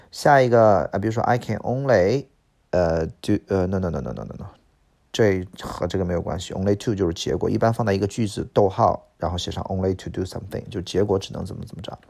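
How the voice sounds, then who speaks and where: Low gravelly male English teacher. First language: Mandarin Chinese. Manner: lively, repeats words, chatty asides. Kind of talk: vocabulary lesson.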